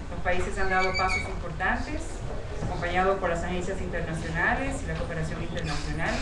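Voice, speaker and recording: Echoey Dominican woman giving a conference talk. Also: medium pitch. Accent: Dominican Caribbean Spanish. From Dominican Republic. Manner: measured, pausing delivery. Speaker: conference speaker, researcher. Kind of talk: formal conference presentation. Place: conference hall. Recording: echoey hall, distant mic, noisy.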